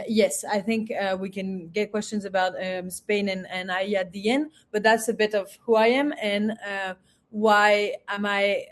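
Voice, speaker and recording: Hesitant French woman presenting a webinar. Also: medium pitch. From France. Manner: hesitant, many fillers and restarts. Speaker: university representative.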